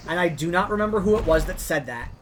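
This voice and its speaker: Animated and quick, a gamer narrates his playthrough through long, rambling tales heavy with "like" fillers, against some background noise. He describes his own voice as higher than a deep bass beat.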